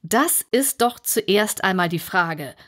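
A woman's voice: medium pitch, animated, slow. A woman reading an audiobook aloud and voicing an aloof male footman who drawls his replies.

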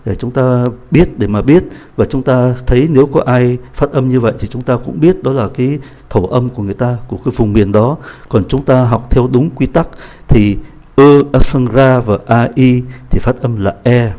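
A man teaching French pronunciation in a language lesson, saying example words slowly and clearly before explaining them at a quicker pace. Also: mid-range voice, a little mellow.

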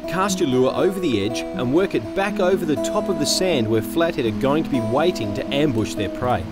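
A man's voice: mid-range voice, lively intonation, normal speed. An Australian man reading scripted fishing-show voice-over narration. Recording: voice-over with loud guitar music.

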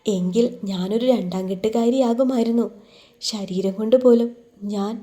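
A woman's voice: a little high, fairly even intonation, moderate pace, dark tone, natural voice. A woman voicing a shy, coy young bride in a storybook romance. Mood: emotional.

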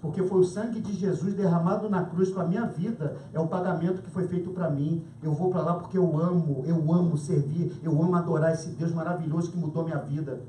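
Lively male preacher in an echoey hall. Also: fairly high pitch, fairly quick, hardly any pauses. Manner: emphatic, chatty, acts out dialogue, laughs often. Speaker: pastor. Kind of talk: sermon storytelling. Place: church hall. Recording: roomy church hall, distant mic, faint noise.

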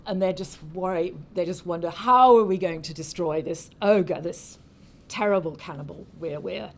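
A woman speaker retelling a folk tale in a talk, unhurried and halting, often restarting her phrases. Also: mid-range voice. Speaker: anthropology speaker.

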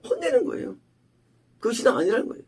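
A male pastor giving an emphatic sermon, asking rhetorical questions and swinging between loud and hushed delivery. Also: very high-pitched, huge pitch swings, fast, slight background noise.

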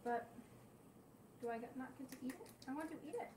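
A woman's voice: high-pitched, expressive, a little fast, distant mic, noisy background. A young woman reviewing snacks for her vlog, chatty and candid as she tastes each one. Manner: chatty, candid reactions while tasting. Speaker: snack tasting vlogger. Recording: roomy echo, voice off-mic.

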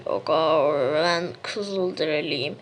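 A young man voicing a sleepy male game brawler who drawls every word very slowly, his voice muffled and swallowed. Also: mid-range voice, very animated, creaky, background noise, voice pushed down, full character voice. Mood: drowsy.

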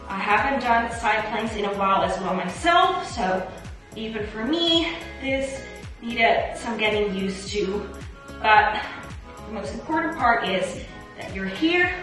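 A woman's voice: medium pitch, sharp tone. A woman fitness instructor guiding a home workout, out of breath, upbeat and reassuring. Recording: echoey room, voice from a distance. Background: background music.

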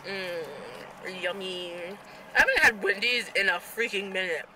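A young woman rambling excitedly in a casual vlog, talking to her handheld camera. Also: mid-range voice, unhurried, very noisy. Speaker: vlogger. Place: bedroom, then a parked car.

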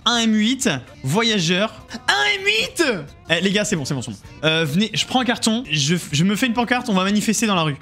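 Animated, high-voiced male streamer. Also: brisk, faint music behind. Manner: animated, joking, exclamatory, talks to chat. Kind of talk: casual live-stream gaming commentary.

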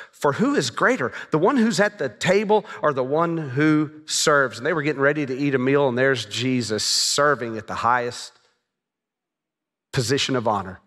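A man in his fifties preaching a sermon on a large church stage, telling stories with lively gestures. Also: mid-range voice, normal speed. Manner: animated storytelling preacher, gestures a lot. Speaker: pastor. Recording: long reverb of a large hall.

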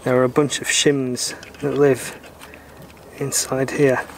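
A man in his thirties calmly explaining, step by step, how he repairs a boat part outdoors. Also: medium pitch, takes it slowly, vocal fry, slight background noise. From Britain. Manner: calm, methodical, plain-spoken, mildly opinionated. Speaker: sailor doing boat repairs. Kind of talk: explaining repair steps while working. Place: outdoors in a garden workshop.

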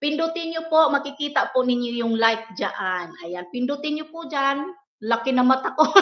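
A woman's voice: high-pitched, expressive, normal speed. A woman hosting a casual livestream, politely reading out viewers' names and greetings in a chatty way. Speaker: livestream host. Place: indoors, worker's home abroad. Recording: echoey room, dull lo-fi sound.

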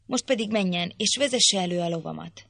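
A woman's voice: lowish voice, gravelly, a bit bright, no echo. A woman reading an audiobook, voicing a spoiled, imperious young girl who talks down to others. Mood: bossy. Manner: imperious, petulant.

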